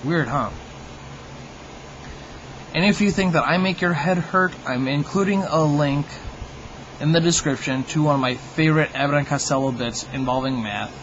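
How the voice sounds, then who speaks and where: A man's voice: a little high, normal speed, pauses often, fairly bright tone, lo-fi sound, slight background noise. A man hosting his own video, delivering a humorous monologue to viewers in a wry, mock-opinionated, tongue-in-cheek way. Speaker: video host.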